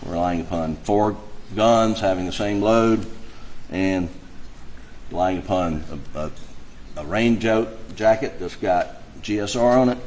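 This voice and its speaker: A man delivering an emphatic, impassioned closing argument to a jury, halting and repeating phrases to drive points home. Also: lowish voice, a little mellow, a little hiss or hum. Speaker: defense attorney. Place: courtroom.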